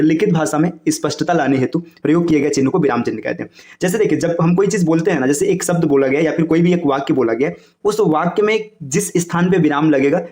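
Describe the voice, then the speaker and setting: A man teaching Hindi grammar for exam coaching, explaining fast and checking in with "है ना" and "देखिए". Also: on the high side, a little mellow, echoey room.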